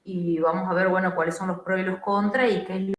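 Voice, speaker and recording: A woman doctor with a Rioplatense Spanish accent gives an online pediatrics lecture, her voice choppy and breaking up over the call, unhurried and full of "eh" fillers. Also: on the low side, steady tone, reverberant. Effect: choppy, breaking-up online call audio. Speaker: pediatric doctor giving a class. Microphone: video call.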